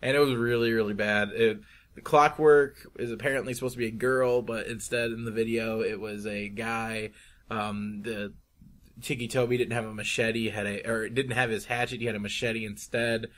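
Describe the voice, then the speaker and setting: A man's voice: fairly low pitch, fairly even intonation, normal speed, a bit bright. A young man casually talking over a drawing video in a chatty, rambling way, often restarting his sentences. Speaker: YouTube artist.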